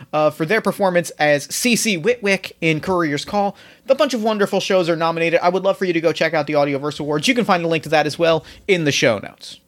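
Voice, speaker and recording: A man's voice: fairly high pitch, fairly bright tone. A man hosting a podcast, talking in an enthusiastic, effusive and informal way as he introduces the show. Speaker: podcast host. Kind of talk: casual podcast introduction and interview.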